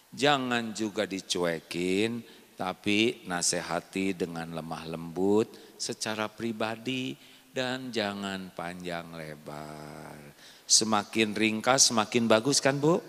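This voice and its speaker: An Indonesian man preaching a sermon to a live congregation, quizzing the listeners and swinging between soft explanation and loud emphatic points. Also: fairly low pitch, big-room sound.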